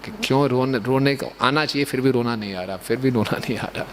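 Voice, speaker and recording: A man's voice: mid-range voice, fairly quick, slight background noise. Man preaching with tag questions. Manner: explanatory, with frequent rhetorical tag questions and chuckles. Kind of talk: Hindi sermon with stories.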